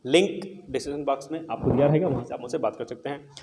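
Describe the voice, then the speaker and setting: A man's voice: mid-range voice, very fast, a little mellow. A young man teaching exam vocabulary to students, casually asking questions and answering them himself, encouraging them.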